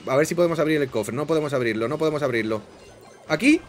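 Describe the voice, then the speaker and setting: A young man from Spain with a Spanish accent, giving excitable live gameplay commentary. He loves diminutives and often bursts into shouts. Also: a little high, racing. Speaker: gaming youtuber.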